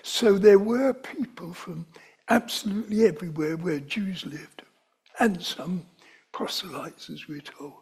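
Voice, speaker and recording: In a high, slightly mellow voice, an older man from London preaches a little slowly, meandering conversationally before hitting emphatic stresses. His sound is very breathy and often whispery.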